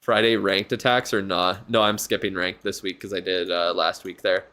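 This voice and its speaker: A man's voice: sits low, flat delivery, moderate pace, pushed and bright, smooth. A tired man streaming live, giving casual, rambling commentary on a viewer's game account and thinking aloud with lots of fillers. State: yawning, tired.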